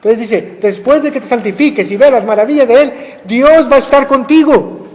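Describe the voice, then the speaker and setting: A man preaching a sermon as pastor, emphatic and full of rhetorical questions, slowing down to read scripture. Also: very high voice, a little mellow, in a large hall. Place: church sanctuary.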